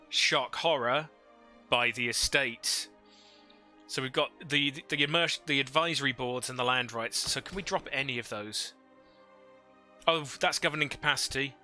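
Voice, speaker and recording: A man's voice: medium pitch, sharp tone. A man livestreaming a strategy game into a headset mic, thinking aloud and chatting with viewers. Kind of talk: casual live gameplay commentary.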